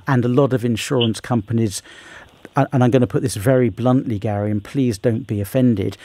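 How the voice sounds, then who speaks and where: A man hosting a radio legal phone-in, giving a caller careful, sympathetic advice in a halting way. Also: mid-range voice, dark tone, no room sound. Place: radio studio.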